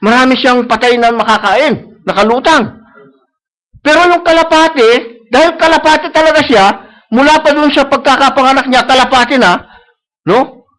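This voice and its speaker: High-voiced preacher. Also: male voice, normal speed, a bit bright, poor audio. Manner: mixes English phrases into Tagalog, repeats key phrases; asks the congregation for agreement. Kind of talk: sermon. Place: church service.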